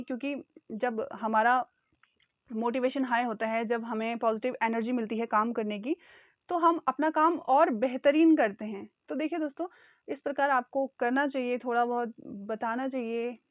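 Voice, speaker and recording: Woman exam tutor, high pitch, dry close sound, drills answers. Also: moderate pace, no echo, highs cut off. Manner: addresses viewers as friends, repeats key answers. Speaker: exam prep teacher. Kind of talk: online exam-prep lesson.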